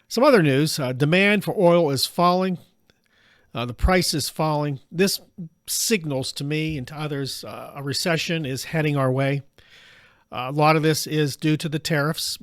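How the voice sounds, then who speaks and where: Hosting a political commentary program, a middle-aged man from the United States talks in an even, deliberate way, peppering his speech with "uh." Allergies have left his somewhat high voice raspy, and the studio-quality recording is dry.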